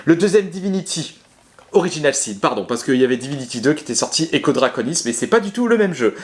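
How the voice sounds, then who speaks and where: A man's voice: a little high, sing-song, fast. A man casually showing his video game collection to his viewers, chatty and hesitant, with many fillers, restarts and self-mocking laughs. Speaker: gaming video creator. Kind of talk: casual talk to camera.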